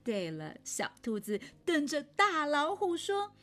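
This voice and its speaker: Woman storyteller for little kids, high and animated, unhurried. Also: faint music behind. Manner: animated, gentle, addresses the child warmly. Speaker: storyteller for children. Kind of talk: children's story reading.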